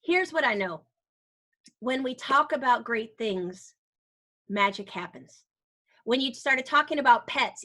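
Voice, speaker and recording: Brief: bubbly woman teacher with a slightly raised voice, leading a lively video-call workshop. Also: high voice. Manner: bubbly, encouraging, breaks into bits of song. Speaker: teacher presenting a session. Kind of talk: energetic online workshop talk. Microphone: computer mic on a video call.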